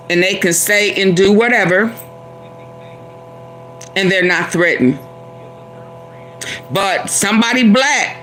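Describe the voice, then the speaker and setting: Host, female; slow, sharp tone, halting delivery. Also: medium pitch, low-quality recording. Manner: halting, restarts. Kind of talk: commentary on clips.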